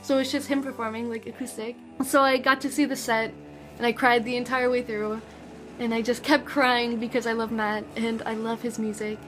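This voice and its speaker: A high-voiced teenage girl talks through her favorite things in a bubbly, slang-filled vlog. She chats casually and eagerly, as if speaking to friends. Soft music plays faintly behind her. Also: level tone, normal speed. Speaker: vlogger.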